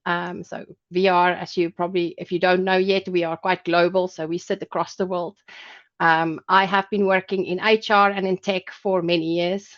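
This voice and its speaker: A woman's voice: on the low side, level tone, moderate pace. South African-born woman presenting over lo-fi audio. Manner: explanatory, loosely phrased. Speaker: webinar presenter. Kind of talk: business webinar presentation. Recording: dull lo-fi call audio.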